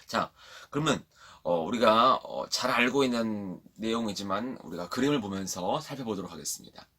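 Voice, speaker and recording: A man preaching a sermon to children at a church online service, telling the story in a lively way and asking the children questions. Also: on the low side, normal speed, breathy edge.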